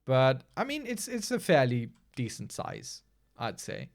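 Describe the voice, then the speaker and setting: A streamer with a mid-range voice talks unhurriedly over a strategy game, his pitch swinging widely. He's chatty and wry, casually answering his chat as he plays.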